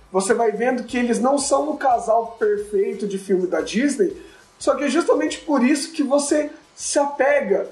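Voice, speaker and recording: A man's voice: sits high, darkish tone. A man co-hosting a casual film chat, slangy and enthusiastic as he talks through scenes. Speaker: podcast co-host. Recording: roomy echo.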